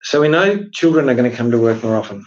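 Male podcast co-host, mid pitch, emphatic explainer, slightly muffled lo-fi sound. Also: animated, fast. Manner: chatty, emphatic, explains with rhetorical questions. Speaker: podcast co-host, workplace lawyer. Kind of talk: casual legal discussion podcast.

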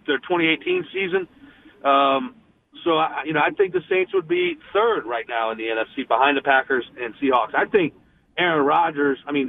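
A sports director calling in to a radio show, talking with passion and frustration and restarting often, heard over a phone line. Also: male voice, a little high, gravelly, slight background noise. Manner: impassioned, frustrated, many restarts.

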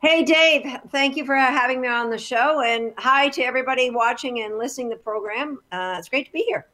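A woman from Canada who trains dogs, enthusiastic and quick as a radio guest. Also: high-pitched, pushed and bright. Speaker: guest, professional dog trainer. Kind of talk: radio interview.

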